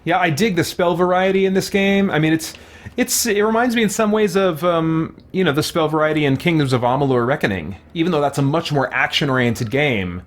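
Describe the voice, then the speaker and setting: Hosting a let's play, this man talks a little fast in a slightly high voice with lively intonation. He keeps his gaming commentary casual and conversational, muses aloud, is easily amused, and reads the chat.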